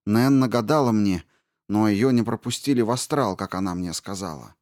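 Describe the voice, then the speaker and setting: A man voicing a frightened, impatient young princess in an audiobook, pitched higher and louder, with urgent questions. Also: moderate pace, natural voice. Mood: urgent, pleading. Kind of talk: audiobook character reading.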